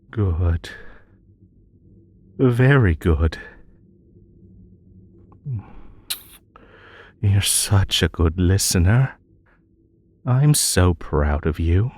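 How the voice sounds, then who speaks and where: A man voices a possessive, sweetly menacing magical bunny in an intimate roleplay audio, coaxing and hypnotic, drawing out his soothing lines. His voice sits low with a darkish, expressive tone and heavy acting. Music plays in the background.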